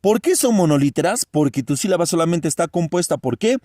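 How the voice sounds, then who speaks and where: Lively, questioning male grammar teacher. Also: fairly high pitch, brisk, no echo, clean studio sound. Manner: animated, asks students frequent questions. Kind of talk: grammar lesson.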